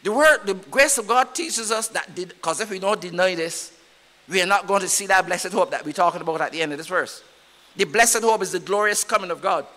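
A Barbadian man preaching in a church with a very high, bright voice. He presses his points hard and repeats them, swelling louder as he drives them home. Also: fairly quick. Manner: emphatic preaching with repetition and rising volume. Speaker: pastor. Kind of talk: sermon.

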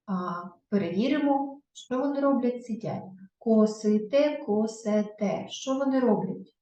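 A woman teaching a grammar lesson, dictating word forms slowly and clearly. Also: mid-range voice, a little mellow. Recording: echoey room, voice from a distance.

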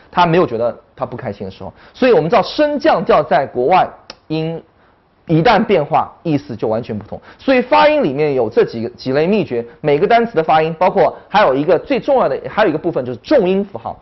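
A woman teaching an online English lesson, talking in an animated way and demonstrating tones with her voice. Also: low voice, fast, slightly rough, muffled recording.

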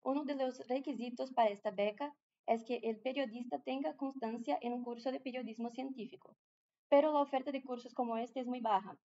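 A fairly quick, steady-toned Brazilian speaker with a Portuguese accent gives a conference talk in a large room. Her voice is a little high yet dark in tone, the audio is muffled, and she speaks with care, hesitating and restarting frequently.

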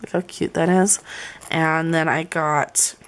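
Chatty low-voiced woman. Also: flat delivery, slow. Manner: chatty, gushing, says "y'all". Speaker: planner vlogger. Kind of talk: casual show-and-tell vlog.

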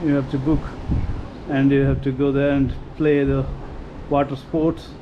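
A man giving a relaxed, casual tour of a seaside resort, pointing things out as he walks and mixing in Hindi. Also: medium pitch, a little slow, dull audio, noisy background. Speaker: travel vlogger.

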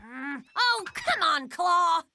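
A boastful little cartoon polar bear cub, voiced by an actor, brags and spins tall tales in a very high, squeaky voice. His pitch bounces all over the place, with yelps and squeals of excitement. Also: slow, background noise, exaggerated voice. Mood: excited. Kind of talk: cartoon voice acting.

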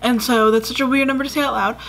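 A twenty-something woman talks fast while sharing childhood stories on her YouTube vlog, rambling and leaning on fillers as she faces the camera in a dim indoor space. Her fairly high voice is steady in tone and a bit bright, with a little hiss or hum behind it.

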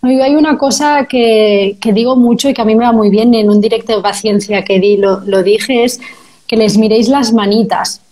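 A woman's voice: fairly high pitch, steady tone, moderate pace, mellow. A woman hosting a live parenting chat, talking conversationally to parents in the audience. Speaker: host of live parenting stream.

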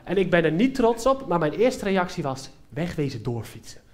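Young guy doing standup on stage, high-ish voice, animated storytelling straight at the crowd. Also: normal speed. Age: young adult. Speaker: stand-up comedian. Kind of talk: stand-up comedy monologue. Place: theater stage before a live audience.

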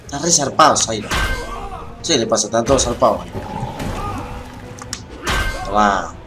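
Young argentine gamer, cursing nonstop, game music blaring behind. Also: male voice, lowish voice, expressive, measured pace. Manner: foul-mouthed, ranting, easily exasperated. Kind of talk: gameplay commentary. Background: game music and sounds.

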